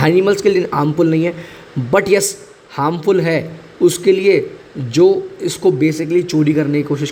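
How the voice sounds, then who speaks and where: A man's voice: fairly high pitch, a little mellow, slight background noise. A man teaching exam current affairs in a chatty way, mixing in English and repeating key points for his students.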